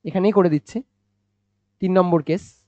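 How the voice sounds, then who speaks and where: A man teaching physics, explaining slowly and repeating points, asking questions and answering them himself. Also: sits high, darkish tone, no echo. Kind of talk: classroom-style physics lecture. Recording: dry, slightly dull recording.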